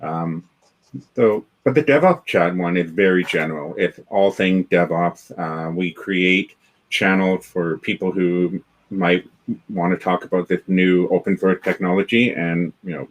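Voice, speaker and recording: A Canadian man, founder of a developer community, is a guest in a casual video-call interview, rambling with lots of restarts and fillers. His voice is low-pitched and his pace measured. The audio quality is poor.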